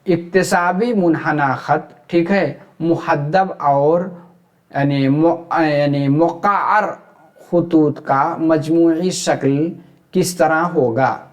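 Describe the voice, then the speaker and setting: A man with a Hyderabadi Urdu accent teaching an exam-prep lecture at an unhurried pace. His voice sits a bit high for a man. He keeps asking his class questions and then answers them himself. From India.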